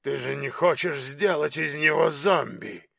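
A hulking bearded giant, as a man reads him, gruff and blunt. He talks slowly and heavily. Dry, close recording. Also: a little high, sharp tone, no room sound, exaggerated voice. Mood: urging. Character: huge bearded giant servant, gruff and jovial. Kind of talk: audiobook reading.

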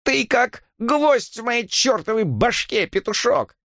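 A drunken, self-pitying clergyman, as a male narrator voices him, slurs out sullen complaints with a lot of swing in his pitch. The sound is close and dry. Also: expressive, slow, vocal fry, fairly bright tone, dry recording, full character voice. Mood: self-pitying outburst. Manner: slurred, sullen, whining. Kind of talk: audiobook reading.

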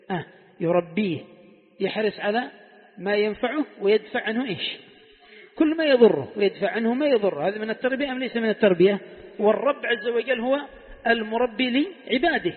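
A high-pitched man teaches a religious text, walking through each point and quizzing his students with rhetorical questions. His voice comes through a thin, phone-like recording with a long echo of a lesson hall. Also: brisk. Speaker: sheikh teaching Quran commentary. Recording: tinny phone-like sound in an echoey hall.

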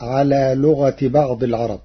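A man giving a formal, measured scripted explanation on an archival radio broadcast. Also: medium pitch, steady tone, husky. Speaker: radio presenter of Quran readings. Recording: dull lo-fi archival radio recording.

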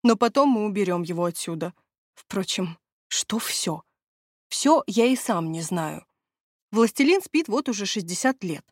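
A woman's voice: medium pitch, animated, measured pace, dry recording. A grumbling male castle steward who wheedles and dodges, always fretting about his own plans, read by a woman. He haggles rather than answers. The storybook sound is dry and close. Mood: complaining. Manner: whining, evasive, haggling. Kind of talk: audiobook character reading.

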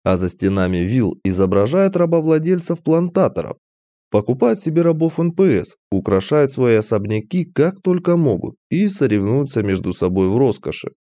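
A man reading a fantasy audiobook aloud as first-person narration, in an animated, expressive manner. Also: medium pitch, moderate pace, dry recording.

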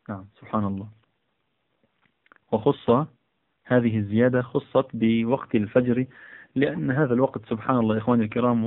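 A man reading and explaining a text on Islamic law as a teacher, often repeating phrases and correcting himself with fillers. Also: mid-range voice. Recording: tinny phone-like audio.

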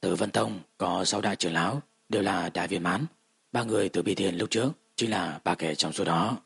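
Guy doing a strong lady advisor, talks slow and measured, deep smooth voice. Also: a bit bright, dry recording, full character voice. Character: powerful, measured woman cultivator and advisor.

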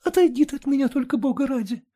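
A man's voice: very high-pitched, moderate pace, dark tone, voice pushed up. A man voicing a harried peasant wife who hurriedly begs to be left alone. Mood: flustered pleading.

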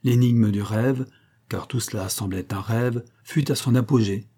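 Measured male narrator for a classic novel, husky and dark-toned. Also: medium pitch. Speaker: audiobook narrator. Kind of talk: scripted narration.

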